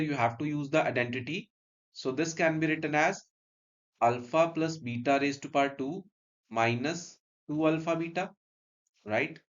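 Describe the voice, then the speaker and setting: A man's voice: on the high side, highs cut off. A man with an Indian accent teaching maths step by step, mixing English and Hindi, repeating phrases and checking understanding with short questions.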